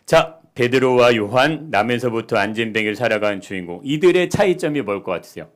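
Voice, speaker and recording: A male pastor giving a sermon, asking the congregation questions and swinging between soft, quiet lines and loud, emphatic ones. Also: medium pitch, animated, fairly quick.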